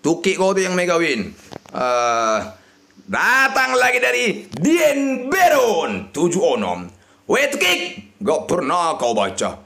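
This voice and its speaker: Gravelly man yelling at slot reels. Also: high-pitched, huge pitch swings, slow pace. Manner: shouting and chanting at the reels, swinging between yelling and mutters. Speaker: slot game streamer. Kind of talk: excited live slot-game commentary.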